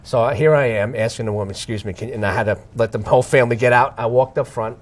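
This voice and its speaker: A man sharing a personal testimony as an interview guest, speaking dramatically and swinging between hushed and loud passages while acting out the dialogue he recalls. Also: medium pitch, fairly even intonation, fast. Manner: acts out dialogue in his retelling. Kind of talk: emotional storytelling.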